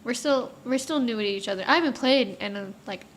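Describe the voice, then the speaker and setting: Chatty young woman telling animated stories. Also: a little high, a little fast, slight background noise. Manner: chatty, animated storytelling with playful outbursts. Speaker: guest. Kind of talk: casual chat.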